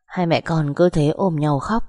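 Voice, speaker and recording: A woman narrating a sad family story in a soft, measured storytelling voice. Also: deep voice, dry recording.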